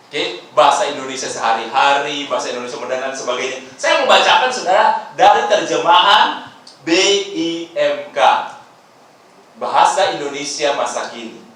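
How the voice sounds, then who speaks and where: A man preaching a sermon as pastor, animated and playful, jumping between loud bursts and quiet asides. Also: a little high, moderate pace. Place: large church hall. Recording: echoey church hall, mic far off.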